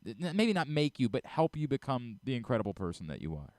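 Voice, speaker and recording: Smooth-voiced sports radio host. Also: male voice, mid-range voice, sing-song, fast, no room sound. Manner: earnest, heartfelt questioning. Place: radio studio.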